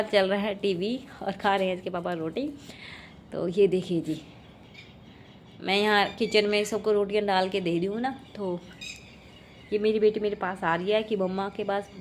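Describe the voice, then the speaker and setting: A chatty woman in her thirties talks through her family's day like a home vlog, at a middle pitch for a woman. A faint hum of background noise sits under her voice. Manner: chatty, narrates family moments, frequent "जी". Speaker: family vlogger. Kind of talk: casual vlog narration.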